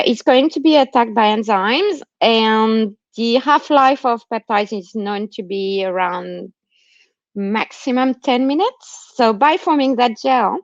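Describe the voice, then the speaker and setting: Speaking in a somewhat high voice with no room sound, a female researcher with a non-Australian accent delivers an explanatory academic talk online from lockdown. She frequently adds short tags to check that listeners follow. The recording has the muffled, lo-fi quality of an online call.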